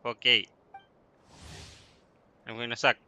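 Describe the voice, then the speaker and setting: With a completely flat, sharp-toned delivery at medium pitch, a man speaks slowly while livestreaming a game. He offers casual playthrough commentary off the cuff, muttering and repeating dialogue, in lo-fi sound with slight noise.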